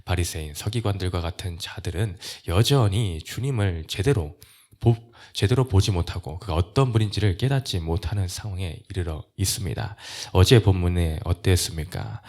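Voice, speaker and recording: Deep-voiced Korean pastor preaching. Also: male voice. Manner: earnest preaching, rising to emphatic scripture quotes. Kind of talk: morning devotional sermon.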